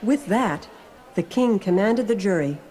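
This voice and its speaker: Woman, storybook narrator, scripted, mid pitch, noisy album. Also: animated, measured pace.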